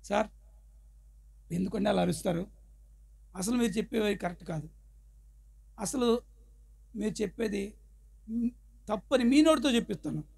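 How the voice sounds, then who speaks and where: Guy doing a gentle soft pastor, calm and easygoing, high but hushed. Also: gravelly, breathy edge, full character voice. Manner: gentle, unhurried.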